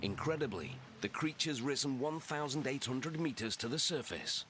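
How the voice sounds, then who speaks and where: A man's voice: mid-range voice, expressive, moderate pace, background noise. A man reading scripted nature documentary narration in a dramatic, suspenseful way. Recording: music bed behind the voice. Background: loud background music.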